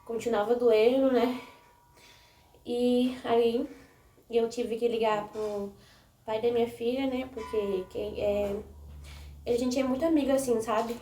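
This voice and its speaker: A woman's voice: fairly high pitch, steady tone, slow, long pauses, warm tone, soft background music. Rambling young woman vlogger, roomy sound. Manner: rambling, with frequent "né?" and restarts. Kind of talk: casual storytelling to viewers. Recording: echoey room, mic a bit distant.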